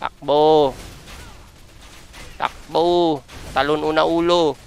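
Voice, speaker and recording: A man's voice: a little high, steady tone, takes it slowly, vocal fry, a little mellow. A man with a Filipino accent doing live gameplay commentary, full of playful trash talk as he plays. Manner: playful trash talk, mixing Tagalog and English. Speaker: game streamer.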